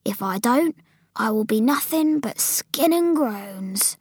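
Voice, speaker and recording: A woman's voice: on the high side, animated, slow, darkish tone, husky, no echo, clean studio sound, exaggerated voice. A woman voicing a very old, forlorn but friendly male giant in a storybook, drawing out mangled words with great emphasis. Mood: forlorn, earnest.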